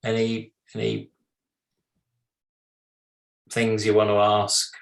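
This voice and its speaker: British man with a British accent, unhurried and halting, lowish voice, echoey video-call room. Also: completely flat delivery, gravelly. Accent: British English. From Britain. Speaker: bereaved husband thanking guests. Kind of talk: remembrance gathering remarks.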